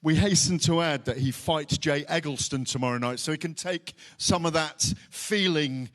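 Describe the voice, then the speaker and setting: A man's voice: on the high side, normal speed, fairly bright tone. A man conducting a sports interview, with upbeat, polished introductions. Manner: upbeat, scripted-sounding intros. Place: indoor arena venue.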